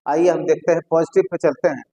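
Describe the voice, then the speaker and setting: Male teacher, slightly high voice, classroom grammar lesson, repeats words as he writes. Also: fairly even intonation, mellow, rough recording. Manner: repeats key words slowly while writing.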